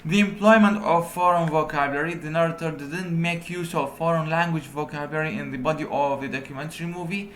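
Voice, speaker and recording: A man's voice: a little high, bright, forceful tone, slight background noise. Male lecturer in an echoey room. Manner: explains in Arabic, reads English points slowly, poses rhetorical questions. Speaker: university translation lecturer. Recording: roomy echo.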